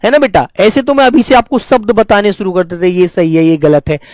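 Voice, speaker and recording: A man's voice: high-pitched, fairly quick, darkish tone, dry recording. A man teaching an online spelling lesson to exam students, talking in a coaxing, repetitive teacherly way.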